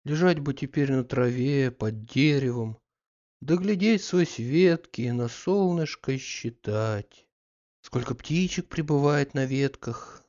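A man voicing a lazy, dreamy middle-aged gentleman with a drowsy, wistful manner, in a slightly muffled audiobook recording. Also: medium pitch, animated, slow. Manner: drowsy, wistful, then fussy.

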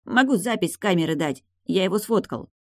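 A woman's voice: fairly low pitch, expressive, a little fast, dry recording, studio quality, voice pushed up. A woman reading the part of a scared but defiant male drug dealer in an audiobook. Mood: groaning. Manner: whining, defiant.

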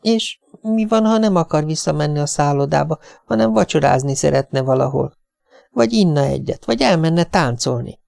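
A fretful wife pleads in a thin, high, weepy whine, as a male audiobook reader puts her on. Her voice has a gravelly edge under the strain, and the recording is dry and close. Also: lively intonation, darkish tone, dry recording. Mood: whining. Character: whining anxious middle-aged wife. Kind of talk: audiobook character voice.

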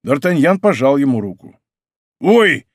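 A man reading an adventure novel aloud as a narrator, with expressive, steady storytelling. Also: on the high side, moderate pace, dry recording, studio quality. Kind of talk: audiobook narration.

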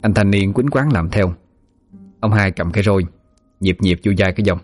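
A man narrates a ghost story in a very deep voice, telling it vividly. Faint music plays softly underneath. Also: normal speed.

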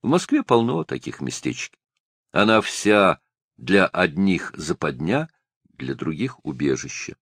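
A man reads a novel aloud in an even storytelling manner. His voice is very low and deep. The recording is dry and close, with no room echo. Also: measured pace, slightly rough. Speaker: audiobook narrator. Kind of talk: scripted narration.

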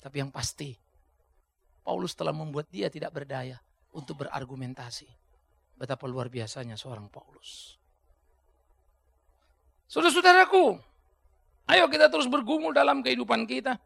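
A male pastor preaching a topical sermon in a colloquial, animated way, breaking into sudden emphatic shouts. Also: a little high, moderate pace, gravelly, slightly rough, no echo.

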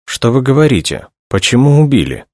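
A man's voice: mid-range voice, big pitch swings, fairly quick, a little mellow, dry recording, clean studio sound, voice pushed up. A man reading aloud, voicing a fussy older male official who speaks in a plaintive, exclaiming way. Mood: lamenting.

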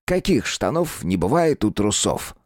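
A man's voice: on the low side, sing-song, measured pace, darkish tone, no room sound. A man voicing a cocky teenage schoolyard bully who mocks and bosses his victim, in a dry, close recording. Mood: mocking. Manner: mocking, bossy.

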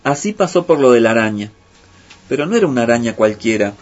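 A man telling a folk tale in a lively, playful way. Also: medium pitch, fast. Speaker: storyteller. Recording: muffled with faint music.

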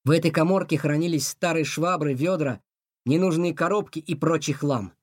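A man narrating a children's adventure story in an expressive, dramatic reading. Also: fairly high pitch, normal speed, dry recording, studio quality.

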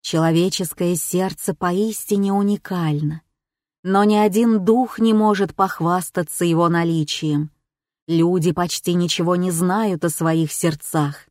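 A woman narrating a first-person audiobook in a measured, calm storytelling manner. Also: fairly low pitch, no room sound, clean studio sound.

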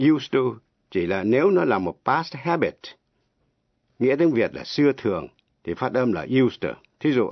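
Slow, husky male radio teacher. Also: medium pitch, no room sound. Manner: slow, deliberate, spells words letter by letter. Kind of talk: slow radio language lesson. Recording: dull, lo-fi radio broadcast.

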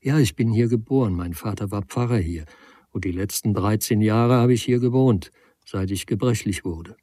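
A man's voice: on the low side, moderate pace, mellow, no room sound, natural voice. A man reading a frail, humble man in his forties who stammers and apologizes. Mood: earnest. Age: 40s. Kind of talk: audiobook character reading.

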